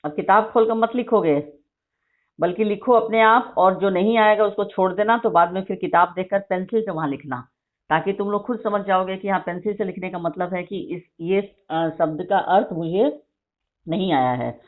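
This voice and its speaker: A woman teacher dictating a vocabulary list to her class, repeating each word slowly and explaining spelling. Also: medium pitch. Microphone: phone recording of an online class. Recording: tinny phone-like screen recording.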